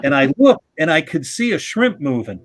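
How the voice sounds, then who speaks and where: A man's voice: a little high, big pitch swings, normal speed. A middle-aged man hosting a live radio-club stream, telling rambling, chuckling anecdotes in casual chat.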